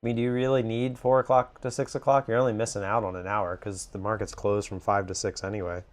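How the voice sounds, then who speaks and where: A man's voice: lowish voice, level tone, fast talker, soft background music. A man hosting a casual live trading stream from a cruise ship, chatting easily and reading viewer comments aloud. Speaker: livestream trading host.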